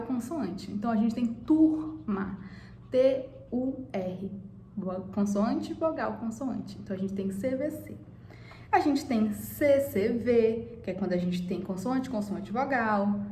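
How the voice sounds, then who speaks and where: A woman's voice: on the high side, a little mellow. A woman teacher giving a lesson to children, speaking to the pupils directly and asking them questions. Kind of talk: online class lesson for children. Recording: echoey room, faint noise.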